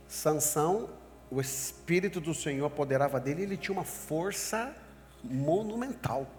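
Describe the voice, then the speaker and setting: A man preaching as a pastor, emphatic and warning, speaking directly to his congregation, heard with a long echo and faint music. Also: mid-range voice. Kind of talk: sermon.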